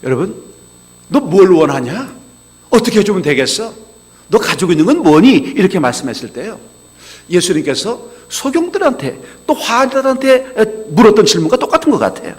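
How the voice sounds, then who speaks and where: Lively, high-voiced pastor preaching in a hall. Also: male voice, brisk. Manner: acts out quoted voices in dialogue. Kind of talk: sermon. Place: chapel. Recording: reverberant chapel hall.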